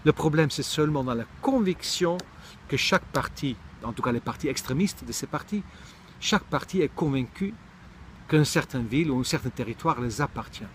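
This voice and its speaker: A man's voice: mid-range voice, lively intonation, moderate pace, slight background noise. A middle-aged man from Israel giving a reflective monologue, thoughtful and searching for words, often restarting his sentences. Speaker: speaker sharing personal reflections.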